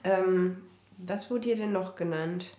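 A woman's voice: on the low side, fairly even intonation, slow pace, warm tone. Laid-back young woman podcaster w a cold, casual chat, roomy echo on the mic. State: has a bad cold. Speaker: podcast co-host. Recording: roomy, echoing sound.

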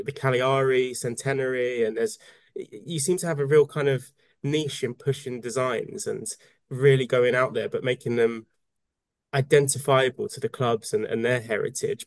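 Male podcast host, mid pitch, keen, dry studio sound. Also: a little mellow, dry recording. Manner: enthusiastic, builds long questions. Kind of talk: podcast interview.

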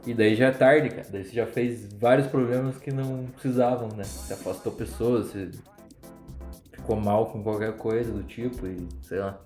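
Chill young dude from the south rambling slangy stories, room echo, faint music under it. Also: male voice, lowish voice, steady tone, moderate pace, darkish tone. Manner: laid-back slangy storytelling, laughs at his own stories. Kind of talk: casual podcast chat.

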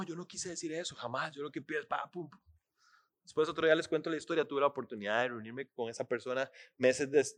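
A man preaching a sermon, animated and asking listeners questions. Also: mid-range voice. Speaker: pastor.

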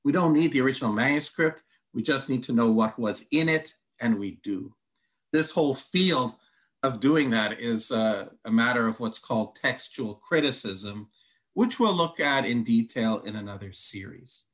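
Animated and fairly bright, his medium-pitched voice moves at a moderate pace. He is a Bible teacher whose first language is Hungarian, and in this teaching exchange he reads out long passages and lays out his answers one numbered point at a time.

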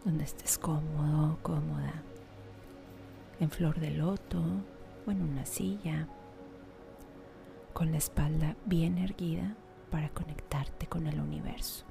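A woman guiding a meditation in a soft, half-whispered, slow and soothing way. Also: deep voice, steady tone, creaky. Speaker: meditation guide. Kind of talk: guided meditation. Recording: music playing behind.

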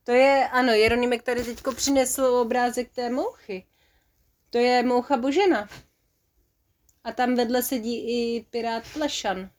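A mother reading a bedtime story to her child, playful and lively. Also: fairly high pitch.

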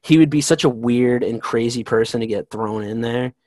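Excitable man rambling about comics, dry sound. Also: medium pitch, moderate pace, no room sound, low-quality recording. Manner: rambling, excitable fan talk with many restarts. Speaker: podcast co-host. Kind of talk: casual chat.

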